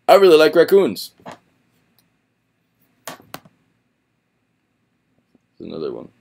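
A man's voice: on the high side, huge pitch swings, slow, vocal fry, darkish tone. A young man thinking aloud in a casual, laid-back and slangy way as he reviews what is on his screen. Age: young adult. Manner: informal, rambling, laid-back slangy talk. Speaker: website reviewer. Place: small room indoors.

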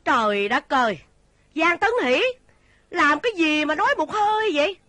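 A woman's voice: sits high, sing-song, moderate pace. An actress playing a stern, devoted old widowed mother in a Vietnamese reformed opera, scolding and lamenting in a half-sung delivery with a southern Vietnamese accent. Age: older. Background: loud stage music.

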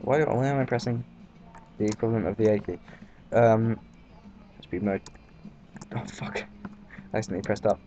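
A man's voice: on the low side, a little fast, pauses often, mellow. A man with a British accent giving rambling, casual gameplay commentary, full of fillers and swearing. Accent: British English. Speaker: let's play commentator. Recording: dull lo-fi mic, faint background noise.

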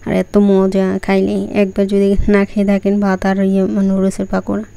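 A woman's voice: mid-range voice, monotone, a little fast, creaky, warm tone, clean tone. A woman casually talking viewers through a recipe as she cooks, loose and chatty, often circling back to repeat herself. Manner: chatty, loose, fillers and restarts while cooking. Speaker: cooking vlogger. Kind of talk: casual cooking demonstration.

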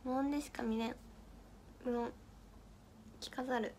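A young idol host from Miyagi, Japan, casually chats on a livestream, going through viewer comments and giggling as she stumbles on tongue twisters. Her slightly high voice is warm and steady, at a measured pace, with slight background noise.

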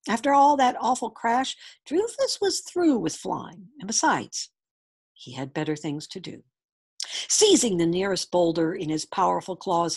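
A woman reading a picture book aloud with expressive, animated storytelling. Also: mid-range voice, breathy edge. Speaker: storybook reader.

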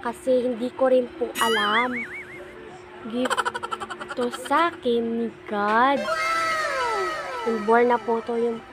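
A woman's voice: a little high, steady tone, slow, long pauses, very noisy. Small-voiced giggly young woman vlogger. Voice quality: small soft voice. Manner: giggly, laughs often. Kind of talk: casual chat.

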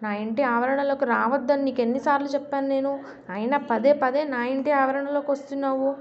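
A woman voicing a miserly old man who scolds and shouts in a raised voice, as she tells a story to a class. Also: steady tone, fairly quick, natural voice. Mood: furious. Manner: scolding, high-pitched shouts. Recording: dull lo-fi recording.

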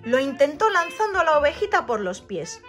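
A woman's voice: high-pitched, brisk. A woman expressively reading a children's story aloud as storyteller, with music playing behind. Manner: expressive, varied delivery.

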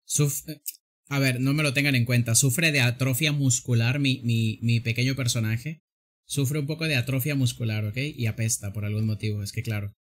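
Joking streamer, medium pitch. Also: male voice, steady tone, moderate pace. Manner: joking, exclaiming, laughing often. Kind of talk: casual gameplay commentary.

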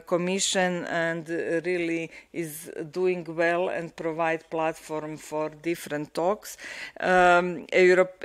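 Middle-aged woman, Croatian accent, panel speaker at a desk mic; smooth voice, flat hesitant delivery. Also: low-pitched. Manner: hesitant, many uh fillers and restarts. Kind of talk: panel discussion remarks. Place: conference room, seated at panel table. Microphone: desk microphone.

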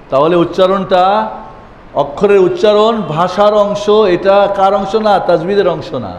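A man's voice: sits high, a little mellow. A man teaching a classroom lesson on Arabic letters, chanting the letter names and asking rhetorical questions in a room with a board. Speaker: Quran teacher. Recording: echoey hall with faint background noise.

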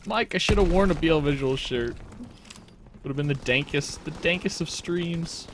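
A man giving casual, jokey commentary while streaming a game, breaking into quick exclamations. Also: a little high, slight background noise. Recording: game gunfire under the voice. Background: game gunfire and explosions.

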